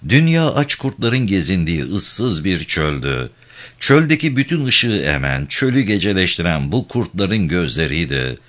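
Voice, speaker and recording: The narrator is a man with a very deep voice reading an audiobook; his storytelling is lively and expressive yet measured.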